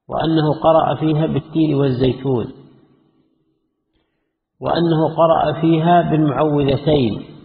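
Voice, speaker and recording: A man giving a religious lesson, reading quoted passages from a classical text and explaining them in a measured way. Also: a little high, vocal fry. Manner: measured, reads quoted passages then comments. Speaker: Islamic scholar teaching a text. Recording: echoey hall, tinny phone-like lo-fi audio.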